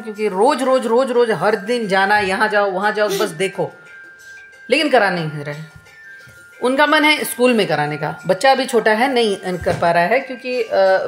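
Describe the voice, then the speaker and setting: A woman's voice: mid-range voice, roomy sound. A woman in her thirties venting to camera at home, complaining in an aggrieved, repetitive way. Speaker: vlogger.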